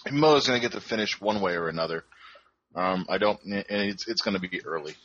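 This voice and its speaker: A man hosting a podcast panel, talking about fights with halting starts. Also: sits low, a bit bright, dull audio, a little hiss or hum. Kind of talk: casual fight-prediction chat.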